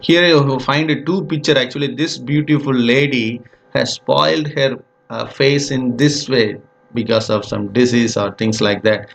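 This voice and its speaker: A man with a Tamil accent teaching English vocabulary, repeating each word slowly to show how it is said. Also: medium pitch, slight background noise. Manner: slow, repeats words for pronunciation, mixes Tamil and English. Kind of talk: vocabulary lesson.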